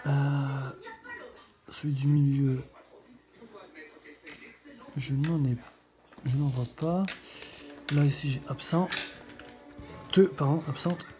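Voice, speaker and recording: A woman's voice: rumbling low, steady tone, slow, long pauses, music in the background. A middle-aged woman hosting a scratch-card video, chatting casually and thinking aloud as she checks each letter. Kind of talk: casual running commentary while scratching.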